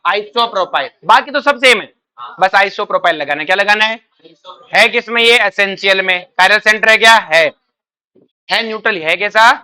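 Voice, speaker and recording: His voice is high, pushed and bright, with a clean tone. This male chemistry teacher runs a call-and-response coaching session for exam students, firing questions, using "beta," and repeating the answers.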